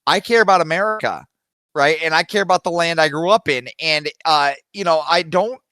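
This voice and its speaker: On a heated live-stream panel, a man from Alaska rambles through his points with many fillers, repeatedly tacking on "right?". His fairly high voice is brisk, bright and forceful, captured in clean studio sound with no echo.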